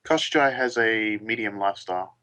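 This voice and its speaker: A man's voice: on the low side, normal speed, bright, forceful tone, poor audio. A man playing a tabletop game over voice chat, matter-of-fact as he explains rules. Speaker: player.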